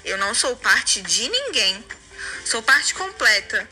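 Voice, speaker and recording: A firm, independent little talking piece from a storybook , played by a woman, assertive and self-possessed. The voice is very bright and a bit high, over music. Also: very animated, takes it slowly, heavily acted, poor audio. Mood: firm refusal. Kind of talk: storybook character voice.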